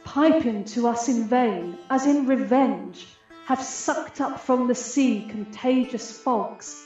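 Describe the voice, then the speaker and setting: Acting as a proud, aggrieved fairy queen, a woman delivers Shakespearean radio verse with stately, measured declamation, never rushing. Her voice is fairly high and a little mellow, slightly muffled, drenched in very heavy echo, with music playing beneath.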